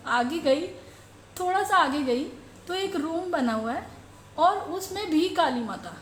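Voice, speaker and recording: A middle-aged woman telling the congregation about a devotional dream, slow and halting as she searches for words. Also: sits high, animated, slight background noise. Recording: roomy echo.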